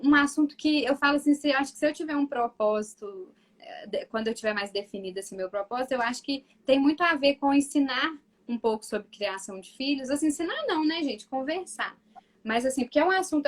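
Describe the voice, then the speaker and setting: A woman from Brazil with a Minas Gerais accent, a mother talking on a live video call, acting out how she talks to her son. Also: high-pitched. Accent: Minas Gerais Portuguese. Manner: animated, acts out talks with her son in a softer voice; frequent restarts and filler asides to viewers. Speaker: mother and guest on a live stream. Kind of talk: casual live-stream chat.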